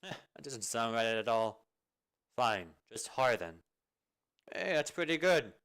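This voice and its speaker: A man's voice: mid-range voice, big pitch swings, slow pace, fairly bright tone, clear, resonant tone, heavily acted. A man voicing a lazy, sleepy veteran male captain with a drowsy, dry grumble. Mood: grumpy. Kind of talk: amateur video game fan dub.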